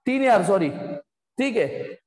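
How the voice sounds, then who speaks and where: Here a man with a high, slightly mellow voice sounds animated yet unhurried as he teaches physics online. He lays out each step and periodically breaks off to bluntly reprimand his students. The recording has the long reverb of an echoey room.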